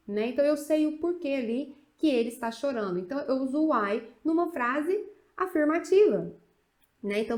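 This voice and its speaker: Brazilian woman, English teacher, chatty, slightly high voice, slows down on example sentences. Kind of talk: video lesson.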